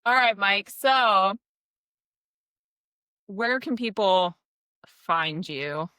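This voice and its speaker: Woman, podcast host, bright clear voice, enthusiastic, candid, dry sound. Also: mid-range voice, lively intonation, drawn-out words, no room sound. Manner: enthusiastic, candid, swears casually. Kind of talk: casual podcast interview.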